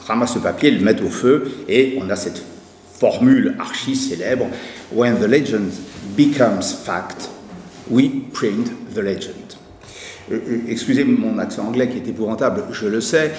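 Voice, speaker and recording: A man giving a conference talk, reading a prepared academic paper, then hesitating and restarting when he speaks freely. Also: medium pitch. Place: university lecture hall. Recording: echoey hall recording with faint noise.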